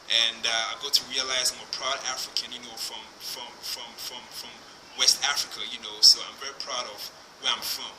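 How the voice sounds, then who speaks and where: Man answering with halting pauses. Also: mid-range voice. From Liberia. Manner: halting, many fillers and restarts. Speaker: musician guest. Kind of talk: casual interview answers. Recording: noisy background.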